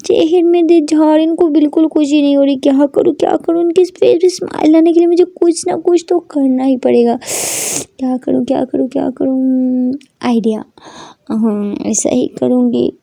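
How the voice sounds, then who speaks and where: A woman's voice: sits high, steady tone, moderate pace, vocal fry, dark tone, no room sound. A woman putting on whiny hungry teenage girl Haseena. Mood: musing. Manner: whiny, pleading.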